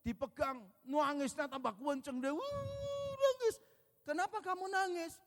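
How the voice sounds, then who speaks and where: A man's voice: very high-pitched, expressive, moderate pace, a bit bright. A man from Indonesia preaching a sermon to a congregation, telling stories, acting out dialogue and joking with the crowd. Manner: storytelling, acts out dialogue, jokes with congregation. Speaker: pastor. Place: large church hall. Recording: long church reverb.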